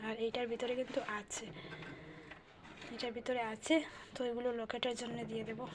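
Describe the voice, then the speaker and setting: Young woman home vlogger, hushed night-time chat to camera, slightly high and monotone. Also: brisk, noisy background. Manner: talks softly and hushed because her child is asleep. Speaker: housewife and family vlogger. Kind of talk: casual vlog talk to viewers. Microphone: phone.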